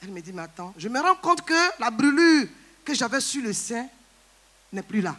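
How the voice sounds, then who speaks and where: A woman's voice: on the high side, sing-song, a bit bright. A woman giving a personal testimony in a church service, earnest and recounting. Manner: earnest, recounting, quick replies.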